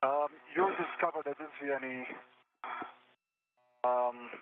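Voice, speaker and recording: Man on a crackly spacesuit radio. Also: medium pitch. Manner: halting, careful technical reporting. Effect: crackly space-to-ground radio transmission. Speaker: astronaut on a spacewalk. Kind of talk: live radio communication. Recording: tinny radio link with faint hiss.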